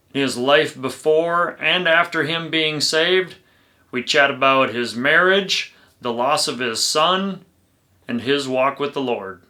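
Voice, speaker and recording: A man hosting, giving a measured, deliberate narrated introduction. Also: on the high side, sharp tone. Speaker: host.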